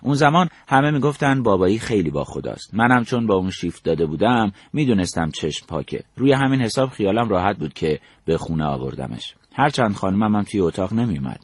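A man's voice: fairly low pitch, sing-song, breathy edge, no echo, clean studio sound. An older man from Iran recounting his memories as a storyteller, acting out the dialogue he quotes. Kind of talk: spoken memoir narration.

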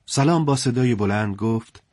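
A man narrating a historical story in a colloquial, steady storytelling manner. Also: mid-range voice, dry recording, studio quality.

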